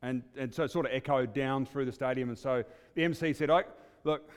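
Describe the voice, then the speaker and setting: A man's voice: medium pitch, steady tone, brisk, smooth. A man preaching at a church service, chatty and hesitant with many fillers, his voice ringing with a long church reverb like a cathedral. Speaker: guest preacher. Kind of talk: sermon with storytelling.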